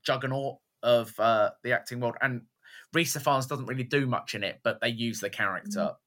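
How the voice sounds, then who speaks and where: A man co-hosting a podcast, chatting casually about films in an animated, rambling way. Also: mid-range voice, moderate pace. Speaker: podcast co-host. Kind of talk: casual film chat.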